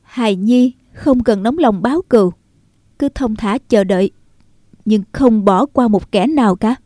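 A woman voicing a proud, cunning young mother in a storybook reading, speaking in a soft, measured way. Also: fairly high pitch, no echo, clean studio sound, close to an everyday voice. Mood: cold. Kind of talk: audiobook character voice.

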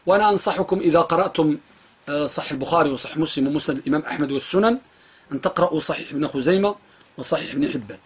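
Husky teacher guy, slightly high voice, keeps repeating stuff and quizzing the class. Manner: repeats phrases and quizzes students. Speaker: Islamic jurisprudence teacher. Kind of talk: classroom lesson with drilling questions.

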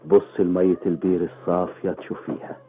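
A man's voice: low-pitched, little pitch movement, fast, natural voice. An actor playing a proud, romantic man in a radio drama. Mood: tender, romantic. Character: proud Bedouin man, vengeful yet tenderly romantic. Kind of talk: Arabic radio drama acting. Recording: dull old radio recording, faint music.

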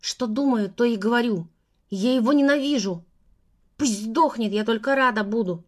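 A furious teenage girl lashes out in loud, spiteful bursts, played by a woman narrating. She is hateful and defiant, an audiobook figure. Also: mid-range voice, lively intonation, moderate pace, close to an everyday voice.

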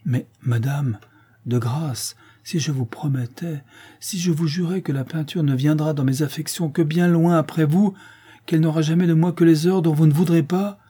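A man's voice: mid-range voice, takes it slowly, mellow, breathy edge. A man reading a flustered young painter. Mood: pleading. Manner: pleading, flustered. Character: earnest young male painter, flustered and pleading. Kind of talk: audiobook character reading.

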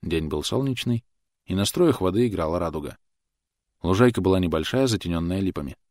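Deep-voiced man reading a novel. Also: expressive, fairly quick, a little mellow, no room sound, clean studio sound. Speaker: audiobook narrator. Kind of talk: scripted narration.

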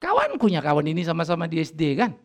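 This middle-aged man is a fast-talking pastor from North Sumatra, Indonesia, whose voice runs on the high side. In his sermon he tells lively stories with humor and acts out the dialogues of family members.

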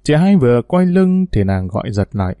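Mellow-voiced male audiobook narrator. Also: medium pitch, very animated, fairly quick, no room sound.

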